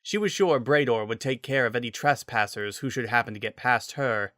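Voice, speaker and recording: A man's voice: medium pitch, fairly quick, a bit bright, no echo, clean studio sound. A man reading a scripted story as its narrator, in a dramatic style.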